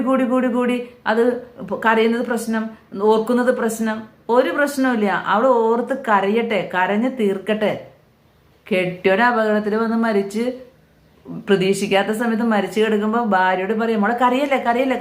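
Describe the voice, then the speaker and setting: A woman's voice: on the high side, steady tone, normal speed. A woman giving an earnest sermon, repeating phrases for emphasis. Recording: echoey room.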